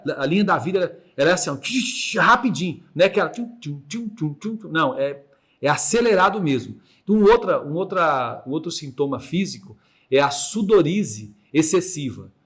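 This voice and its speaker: A man's voice: a little high, expressive, brisk, fairly bright tone, slightly rough. A man with a Mato Grosso Brazilian accent hosting a casual podcast chat, hesitant, with many restarts, imitating heartbeat sounds as he explains. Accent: Brazilian Portuguese, Mato Grosso. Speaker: podcast host. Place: room without air conditioning.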